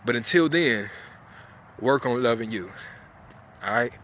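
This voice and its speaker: Bright, emphatic male motivational speaker. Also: mid-range voice, expressive, a little slow, slight background noise. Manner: emphatic, repeats phrases for effect; informal, colloquial, direct address. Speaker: motivational speaker, live stream host. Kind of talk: motivational speech to camera.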